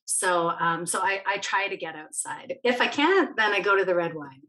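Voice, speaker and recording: A woman's voice: medium pitch, expressive, moderate pace, pushed and bright, poor audio. A woman from Barbados, a management consultant, chatting casually on a webinar panel call and laughing easily. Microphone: video call.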